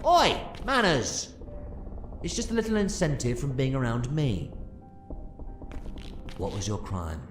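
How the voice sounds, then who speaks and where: A man's voice: medium pitch, very animated, unhurried, pauses often. A man playing an eccentric, commanding alien adventurer in an audio drama, theatrically swinging between playfulness and grave authority. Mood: excited, playful. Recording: echoey sound with music underneath.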